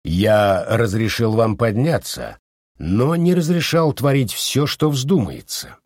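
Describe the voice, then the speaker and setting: A man voicing a quiet, controlled male consul who leads an alliance in an audiobook. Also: mid-range voice, big pitch swings, takes it slowly, no echo, clean studio sound, exaggerated voice. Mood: weary. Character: quietly menacing middle-aged male alliance leader.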